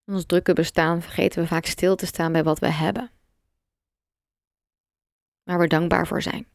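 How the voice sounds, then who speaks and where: A woman guiding a meditation, speaking slowly and softly with long pauses. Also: on the low side, vocal fry, no room sound, studio quality. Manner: slow, soft and calm, with long pauses. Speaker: meditation guide. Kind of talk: guided meditation.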